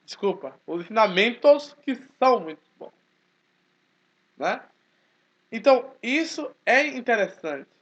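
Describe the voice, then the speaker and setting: A man, talking casually to his channel in a forceful, emphatic way. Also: very high-pitched, unhurried, pauses often. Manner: speaks forcefully, animated and emphatic. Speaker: channel host, Baptist churchgoer. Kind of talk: casual spoken commentary. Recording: dull lo-fi recording.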